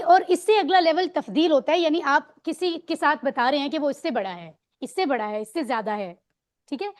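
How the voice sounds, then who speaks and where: High-voiced woman teaching grammar. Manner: patient quizzing, drills words with students; mixes English words into explanations. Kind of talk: online Arabic grammar lesson.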